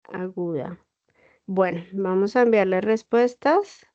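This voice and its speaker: Over a video call, with the muffled lo-fi sound of a computer mic, a woman patiently explains material to her online students and checks in with them. She takes her time, and her mid-range voice is a little mellow.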